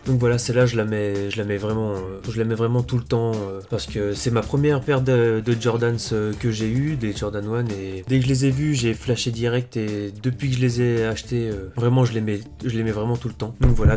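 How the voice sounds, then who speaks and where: A man in a laid-back show-and-tell vlog, with a voice of ordinary pitch for a man. He speaks haltingly, padding his sentences with fillers and often correcting himself mid-phrase. Faint music plays quietly behind him. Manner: hesitant, full of fillers and self-corrections. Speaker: sneaker vlogger.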